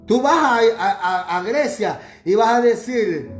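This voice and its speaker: A man's voice: high-pitched, expressive, measured pace. A man from Honduras, preaching a sermon in a fervent, repetitive cadence. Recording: roomy echo with faint music behind.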